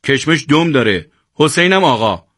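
Brief: man doing a tired, grumpy young guy, somewhat higher voice. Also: very animated, a bit bright, no echo, clean studio sound, full character voice. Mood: grumbling. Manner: sighing, grumbling.

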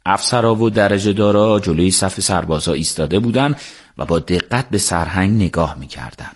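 Man reading a story aloud on radio, kinda low voice, calm and steady. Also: breathy edge. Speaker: radio book narrator. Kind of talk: scripted narration.

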